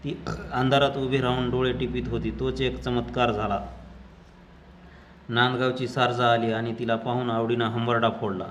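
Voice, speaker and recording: A storyteller with a Marathi accent, reading a village tale aloud in a measured, even way. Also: male voice, medium pitch, slight background noise.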